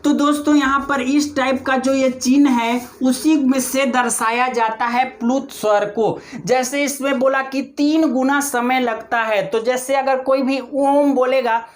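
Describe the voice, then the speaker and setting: A woman teaching an exam-prep grammar lesson online, repeating key terms and drawing out example sounds slowly while addressing viewers as friends. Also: sits high, fairly even intonation.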